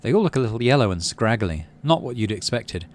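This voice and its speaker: This man reads a video game's story aloud and thinks to himself about each decision, hosting a playthrough video over game music. His medium-pitched voice has a sing-song lilt and runs a little fast. Slight background noise is audible.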